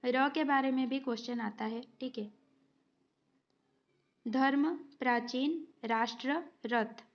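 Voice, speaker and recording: A woman's voice: high-pitched, slow pace, dull audio. A woman teaching Hindi grammar, going through multiple-choice exam questions and explaining each answer patiently, step by step. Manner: patient, explains step by step, often adds a short "okay" check.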